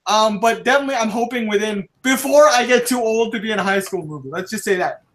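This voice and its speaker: A young man hosting a casual podcast chat, rambling, excitable and swearing freely, often out of breath. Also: sits high, quick pace. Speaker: podcast host.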